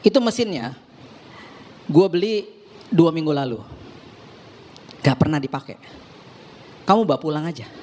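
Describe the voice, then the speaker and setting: A male pastor preaching a sermon, telling a story and acting out the dialogue in lively voices. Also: fairly high pitch, unhurried, pauses often, slight background noise.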